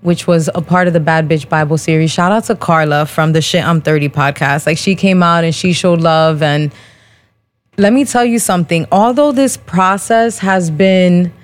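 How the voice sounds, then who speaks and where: A woman in her thirties with a fairly low voice talks straight to her listeners as a podcast host. She speaks candidly and casually, in slang, with plenty of "um"s between thoughts. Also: moderate pace. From New Jersey, USA. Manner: candid, slangy, many "um" fillers. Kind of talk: casual personal monologue.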